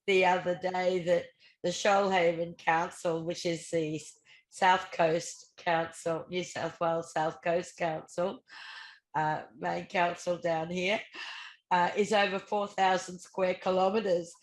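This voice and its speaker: A woman's voice: fairly low pitch, level tone, slow pace, echoey room. An Australian woman co-hosting a casual chat about the federal budget, reading out figures and reacting to them. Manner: chatty, laughs at the figures, reads out numbers. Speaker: co-host. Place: regional home.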